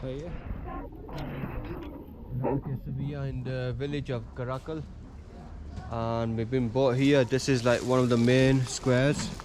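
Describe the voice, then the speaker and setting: A man's voice: mid-range voice, flat delivery, measured pace, long pauses, over a noisy crowd. A man giving casual running commentary as a travel vlogger on a motorbike tour. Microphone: action camera. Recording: noisy outdoor motorbike action-camera audio.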